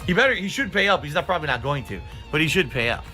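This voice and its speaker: A man's voice: fairly high pitch, very animated, rapid-fire, sharp tone, soft background music. A man talking bluntly and combatively as a streamer, in casual livestream talk. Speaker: video game streamer.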